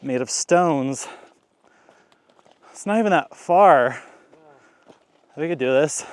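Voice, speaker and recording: A man filming himself as he hikes outdoors, out of breath and exclaiming excitedly on a handheld camera mic. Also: on the high side, takes it slowly, clean tone, no echo. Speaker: vlogger exploring ruins. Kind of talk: excited on-the-spot hiking commentary. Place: outdoors on a hilltop.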